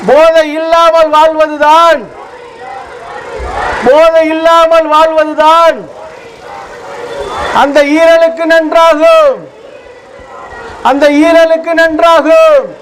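High slow megaphone slogan chanter. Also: male voice, flat delivery, fairly bright tone. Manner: repeats each slogan line twice in a sing-song cadence. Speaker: anti-drug rally slogan leader. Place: outdoors on a street at a rally. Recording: noisy outdoor street with traffic and crowd.

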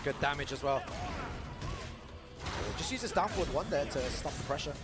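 A man's voice: a little high, expressive, moderate pace, over loud music. A man giving hyped colour commentary on a fighting game tournament. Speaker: esports commentator.

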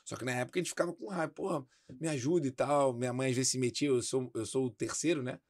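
A fast-paced male interview guest, in his forties. He talks in a frank, slangy way, swearing freely. The sound is dry and close, with no room echo. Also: medium pitch. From Brazil. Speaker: interview guest, former footballer. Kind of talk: casual interview chat.

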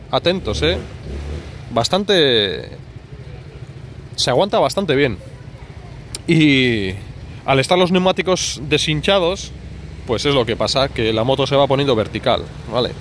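Standing behind a handheld phone or camera in a street parking area, a motorcycle vlogger gives casual, chatty vlog commentary while the urban street around him is noisy. His medium-pitched, slightly bright voice is animated, at a measured pace with frequent pauses.

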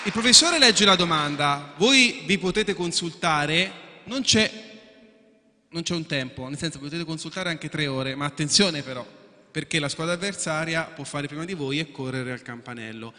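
A man's voice: on the high side, animated, moderate pace, pushed and bright. A man hosting a live quiz, explaining the rules to contestants in a chatty way and often asking if everyone agrees. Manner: chatty, repeats and restarts, asks for agreement. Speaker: quiz show host. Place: event hall with contestants. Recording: echoey hall.

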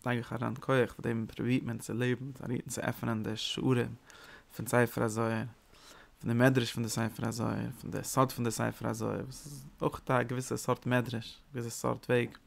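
A Torah teacher gives a religious lecture in a mid-pitched, gravelly, raspy voice. He speaks a little fast in animated, emphatic bursts, slipping English words into his explanations.

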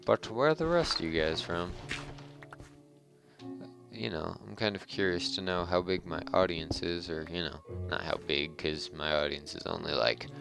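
A man's voice: sits low, moderate pace, creaky, music in the background. A man giving casual, rambling gameplay commentary with a harsh voice, joking and chatting with his viewers. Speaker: let's play host.

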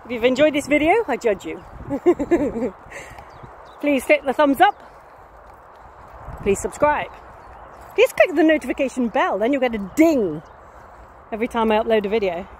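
A woman's voice: on the high side, expressive, normal speed, long pauses, a little mellow, slight background noise. A woman chatting outdoors in a rambling, self-mocking daily vlog, laughing often. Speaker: vlogger.

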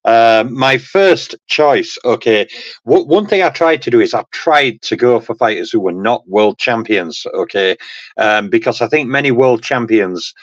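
This panel guest, a man in a relaxed panel chat, talks through his computer mic on a video call, leaving the recording muffled but free of room sound. His medium-pitched voice is animated yet unhurried, and his rambling is full of "okay" and "um."

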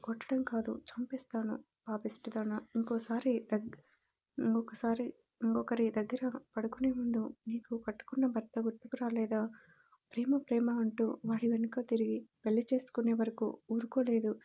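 An enraged middle-aged mother-in-law lays into the wrongdoer with harsh scolding, as a woman reader puts her on. The pitch is fairly high but kept level. The tone is dark and husky. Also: flat delivery, moderate pace, muffled recording. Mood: furious.

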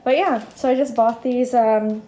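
A young adult woman rambles informally in a casual home vlog, filmed inside her apartment on a phone or camera held at arm's length. Her voice is a little high and mellow, with fairly even intonation and a moderate pace.

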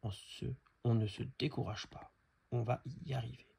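A man voicing a kind, patient male cricket in a storybook, talking in an encouraging way with a gravelly, husky voice. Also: mid-range voice, steady tone, moderate pace, heavily acted. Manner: warm, encouraging.

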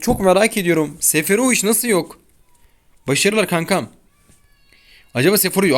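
A young man hosting his gaming channel, talking casually over his gameplay, often exasperated and complaining in slangy chatter, recorded at home. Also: a little high. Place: home room near an open window. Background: a child heard outside.

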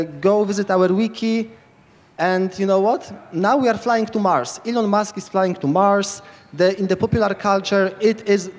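His voice is high with a darkish tone, echoing as though in a large hall. The Polish man, in his thirties, is giving a loose, enthusiastic lightning talk on a handheld mic at a large tent stage at a hacker camp, stumbling into plenty of restarts during this informal conference talk.

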